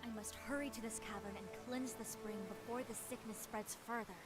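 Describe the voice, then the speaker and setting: An actress playing a calm, resolute, caring traveling apothecary in a video game, with loud music behind her. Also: a little high, a little fast, lightly acted. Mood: thoughtful, determined.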